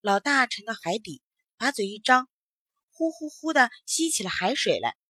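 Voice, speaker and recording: Woman reading a kids' story out, super animated, bit husky. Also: on the high side, normal speed, no room sound, studio quality. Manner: expressive, with sound words. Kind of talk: children's storybook narration.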